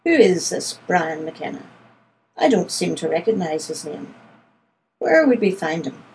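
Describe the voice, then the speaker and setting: A woman voicing an imperious, impatient upper-class landowner, brusque and demanding, raised in pitch and volume over her narrating voice. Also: big pitch swings, a little slow, darkish tone, a little hiss or hum, poor audio.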